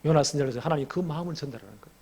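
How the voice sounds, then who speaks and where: A man's voice: fairly high pitch, rapid-fire, mellow, husky. A middle-aged male pastor preaching an expository sermon, telling the story vividly and asking the congregation questions.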